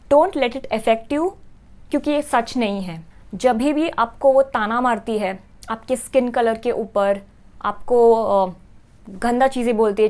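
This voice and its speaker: A woman giving earnest, emphatic relationship advice straight to the viewer, repeating her key points. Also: high voice. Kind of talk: direct-to-camera advice talk.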